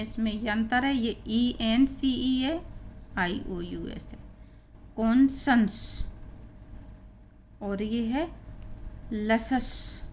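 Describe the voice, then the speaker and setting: A woman's voice: a little high, a little hiss or hum. A woman teaching an English pronunciation lesson, explaining rules step by step and spelling out letters one by one. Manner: slow, deliberate, spelling out letters.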